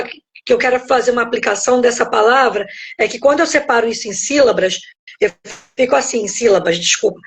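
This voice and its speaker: Brazilian woman pastor teaching reflectively. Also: fairly high pitch. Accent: Brazilian Portuguese. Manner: reflective, explains step by step, keeps checking in with "né?". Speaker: pastor and guest speaker. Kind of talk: devotional teaching on a live stream. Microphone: phone.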